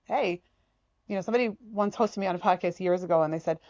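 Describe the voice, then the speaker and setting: Animated emphatic woman talking. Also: on the low side, quick pace, no room sound, dull audio. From United States. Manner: animated, emphatic, acts out quoted remarks. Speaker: podcast guest, artist. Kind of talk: conversational interview.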